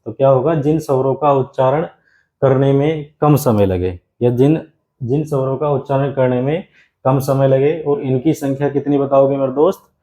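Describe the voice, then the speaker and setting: Man, grammar teacher, exam-prep lesson, mellow warm tone, slow repeated dictation, calls students "my friend". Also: medium pitch, poor audio. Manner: repeats key phrases slowly for dictation, keeps calling the class "my friend".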